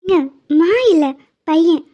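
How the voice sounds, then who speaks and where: A woman voicing a playful, teasing pregnant young wife in an animated cartoon. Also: very high voice, takes it slowly, highs cut off. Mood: affectionate. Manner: teasing, bossy, affectionate.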